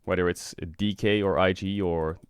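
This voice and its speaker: A man streaming in casual chat, frank and rambling, swearing often, with a flat delivery because he just woke up. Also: moderate pace, clean tone, dry recording, studio quality. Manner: flat, low-energy delivery. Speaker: streamer and esports team owner.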